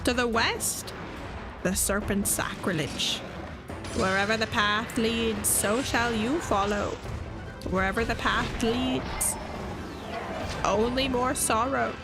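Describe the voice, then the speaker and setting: A woman putting on the voice of an old crone hag, drawing out each line slowly and ominously. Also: a little high, fairly even intonation. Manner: slow, drawn-out, portentous delivery. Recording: game stream with loud music behind.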